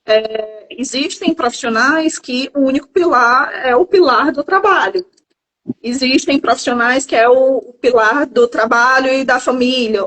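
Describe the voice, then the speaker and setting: A woman with a Brazilian Portuguese accent, talking calmly and reflectively as a guest psychologist in a live conversation, pausing often to choose her words. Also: sits high, low-quality recording. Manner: calm, measured, often pausing with "é" and "né".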